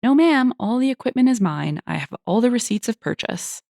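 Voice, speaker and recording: A patient, reasonable young man who keeps his tone polite, as a woman narrator voices him. The delivery is lively, with a slight rasp, and the sound is close and dry. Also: on the high side, a little fast, no echo, pitched above the performer's own voice. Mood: calm, polite. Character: calm, polite young man defending himself.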